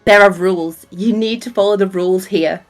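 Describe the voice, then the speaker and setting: A woman's voice: mid-range voice, fairly even intonation, fairly quick, soft background music, natural voice. A woman playing an exasperated fey woman in a tabletop game, scolding her companions in a bossy, emphatic, repetitive way. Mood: urgent warning.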